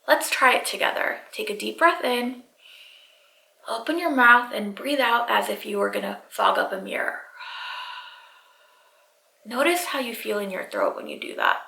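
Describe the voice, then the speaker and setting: A woman's voice: fairly high pitch, sing-song, normal speed, creaky, long pauses, bright, forceful tone, reverberant, rough recording. A woman yoga instructor giving step-by-step guided breathing cues straight to the viewer. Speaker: yoga instructor, channel host.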